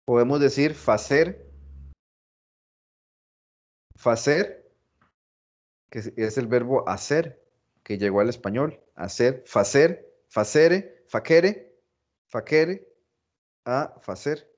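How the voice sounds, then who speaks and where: A man teaching a philology class, explaining slowly, repeating phrases and stressing example words. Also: mid-range voice, lo-fi sound. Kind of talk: recorded class lecture.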